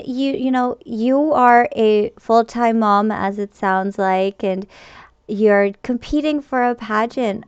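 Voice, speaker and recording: A woman's voice: on the high side, creaky, no echo. A young adult woman hosting a casual online interview show. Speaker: host. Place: indoors, small home streaming setup. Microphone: headset, video call. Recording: slightly dull video call sound.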